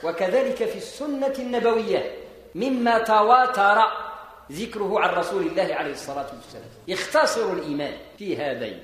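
Moroccan preacher in a booming echoey hall. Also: male voice, expressive, fairly quick, fairly bright tone. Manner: explanatory, mixing formal speech with dialect, emphatic rises. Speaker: Islamic preacher. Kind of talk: sermon explaining scripture. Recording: echoey hall with long reverb.

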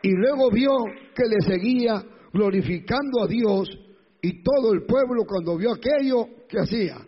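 A man's voice: high voice, normal speed, slightly rough. A male pastor preaching a sermon emphatically, with rhetorical questions and repetition. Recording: echoey hall, dull lo-fi sound.

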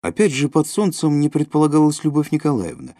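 A man narrating a literary audiobook in an expressive way, with sudden rises and drops. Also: on the high side, fairly quick, dry recording, clean studio sound. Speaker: audiobook reader.

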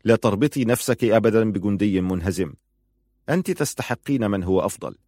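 A man's voice: on the low side, lively intonation, fast talker, dark tone, no room sound, studio quality. A man voicing a young soldier who speaks in a firm, decisive way, then patiently and tenderly.

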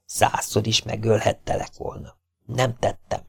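Guy reading a quiet scary young outlaw, talks low and hushed, deepish voice. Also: level tone, gravelly, slightly rough, dry recording, clean studio sound. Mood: threatening.

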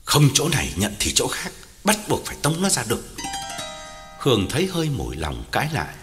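A male narrator reads a suspenseful story with a very animated, wide-ranging delivery. His pitch sits in a middle register. The reading has long reverb, with clear music playing behind it. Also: fairly quick. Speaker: audiobook narrator.

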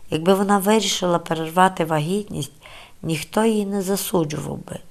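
A woman reads a novel aloud as an audiobook narrator. Her voice sits a bit low, and she tells the story in a calm, measured, steady way. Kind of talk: scripted literary narration.

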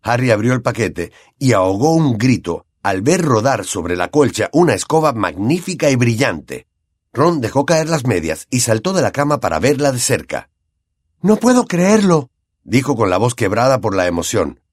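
Expressive Latin American audiobook narrator. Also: male voice, mid-range voice, moderate pace, slightly rough, no echo, clean studio sound. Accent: Latin American Spanish. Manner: expressive storytelling. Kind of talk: scripted narration.

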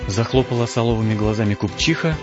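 A man narrating an audiobook in the first person, telling the story in a lively, theatrical way. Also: fairly low pitch, quick pace. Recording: dull lo-fi audio with strong background music.

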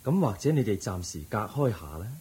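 A serene Buddha in a radio drama, with a low, very mellow voice and Hong Kong Cantonese accent. He teaches with measured compassion and gentle firmness, letting his intonation rise and fall expressively. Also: big pitch swings. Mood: gentle counsel. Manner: measured, instructive, gently firm. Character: the Buddha, calm compassionate authoritative male teacher.

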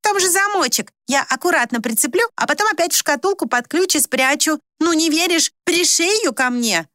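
A woman's voice: high-pitched, animated, brisk, sharp tone, dry recording, studio quality, voice pushed up. A woman reading a story aloud, voicing an eager, pushy young village girl who begs and squeals. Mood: pleading.

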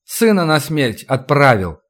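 A man voicing a calm warrior who speaks in a measured, blunt way. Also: medium pitch. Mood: cool.

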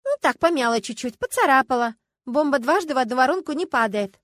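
Woman voicing a loud pushy young woman friend. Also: high voice, expressive, fast talker, dry recording, studio quality, voice pushed up. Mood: wheedling. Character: brash bossy adventurous young woman friend.

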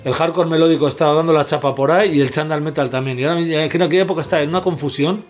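A man's voice: a little high, steady tone, racing. A man in his forties with an accent from Spain, hosting a casual music podcast, rambling and swearing freely. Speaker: podcast host.

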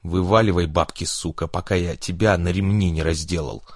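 A man's voice: low-pitched, fairly even intonation, moderate pace, no echo, studio quality. A man voicing a menacing male gang enforcer who speaks curtly and hisses threats. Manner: hissing, curt, commanding.

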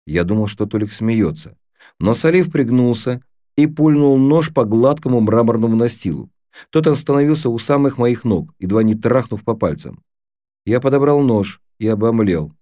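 A man reads an audiobook in a steady, measured way. His voice is lowish and mellow. The recording is close and dry, with no room sound. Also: no echo. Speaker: audiobook narrator. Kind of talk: audiobook narration.

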